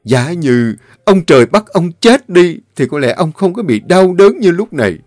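A man narrating an audiobook story in a measured, dramatic way. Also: high voice, big pitch swings, no echo. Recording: dry close recording with soft music.

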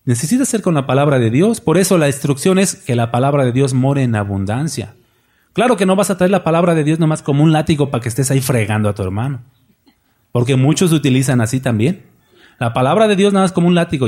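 A man's voice: on the high side, a little mellow. A man preaching a sermon as pastor, folksy and joking, often putting questions to his congregation.

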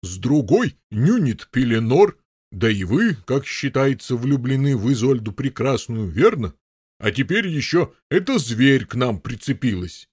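A man's voice: medium pitch, very animated, unhurried, darkish tone, husky, no echo, clean studio sound. A man voicing a stolid, fussy knight who talks ponderously and fumbles for words. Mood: musing. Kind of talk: audiobook character voice.

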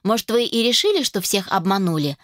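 A woman's voice: mid-range voice, big pitch swings, brisk, dry recording, clean studio sound, natural voice. A woman voicing a smug, insistent young girl cousin who claims she knew all along.

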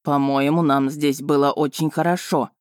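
A woman voicing a proud, brooding male dragon lord who speaks in a cool, measured, slightly mocking way. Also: sits low, steady tone, darkish tone, dry recording, studio quality, lightly acted.

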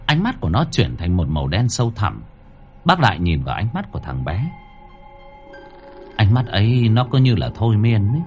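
A man narrating a horror story in a dramatic, highly expressive manner. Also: moderate pace, pauses often, soft background music. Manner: highly expressive, rising to cries.

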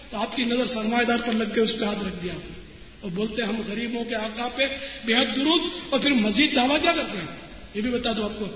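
Male preacher, very high and sharp, scolding sermon style, dull echoey hall recording. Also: slight background noise. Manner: scolding, with pointed rhetorical questions. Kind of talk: sermon to an audience.

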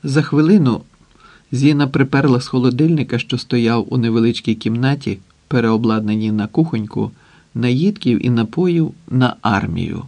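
A man narrating an audiobook in a steady, even reading voice. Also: mid-range voice, normal speed, vocal fry. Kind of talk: scripted narration.

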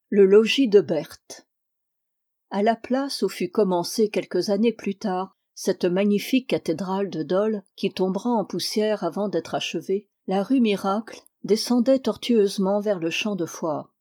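Mellow-voiced woman reading a novel aloud. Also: mid-range voice. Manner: steady, measured reading, lifting the voice for quoted dialogue. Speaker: audiobook reader. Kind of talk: audiobook narration of a historical novel.

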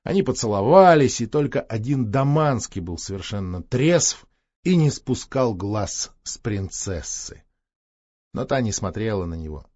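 A man narrating a historical novel for an audiobook in a measured, expressive reading, heard on a dull, dry lo-fi recording. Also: fairly low pitch, no room sound.

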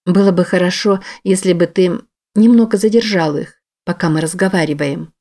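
A woman voicing a calm, firm young woman who gives orders in a measured way, read as an audiobook character. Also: lowish voice, close to an everyday voice.

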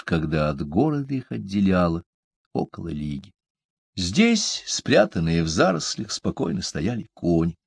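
A man's voice: sits low, gravelly, slightly rough, no room sound. A man reading a fantasy audiobook aloud in a dramatic, vivid way. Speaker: audiobook narrator. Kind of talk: scripted fantasy narration.

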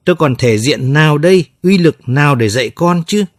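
A man voicing a furious middle-aged father, shouting bitter accusations at his wife. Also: on the high side, animated, a little fast, dry recording, clean studio sound, natural voice.

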